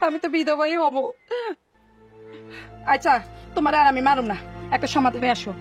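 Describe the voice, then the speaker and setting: A woman playing a shrill quarrelsome wife. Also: steady tone, soft background music, natural voice. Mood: pleading. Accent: Bangladeshi Bangla dialect. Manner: shrill, scolding, fast. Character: quarrelsome fiery young wife.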